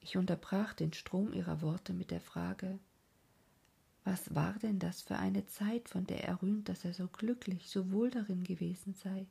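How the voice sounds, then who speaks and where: A woman reading a story aloud as a whispered role-play, in a slow, mournful way. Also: fairly low pitch, fairly even intonation, vocal fry, warm tone, slightly rough. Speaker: reader.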